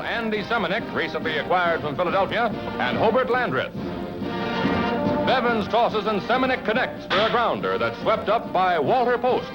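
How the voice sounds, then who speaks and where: A man delivers old 1950s newsreel narration in a brisk, punchy announcer manner. His voice is high and bounces lively up and down, with loud music playing under him. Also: rough recording.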